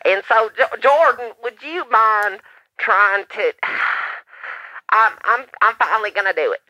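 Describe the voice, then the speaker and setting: Brief: a woman playing a high, bright-voiced granny caller who rambles. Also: a little slow, no room sound, highs cut off. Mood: flustered. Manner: rambling, flustered, calling for help. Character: scatterbrained older Southern woman caller. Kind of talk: comedy radio sketch.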